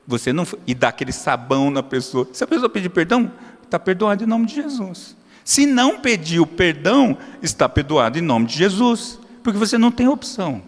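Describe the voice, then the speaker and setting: High-voiced pastor preaching in a reverberant hall. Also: male voice, sing-song, brisk. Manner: preaching with dramatic swings between loud high emphasis and low quiet asides; acts out short prayers and dialogues in a familiar tone. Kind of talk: sermon. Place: church hall.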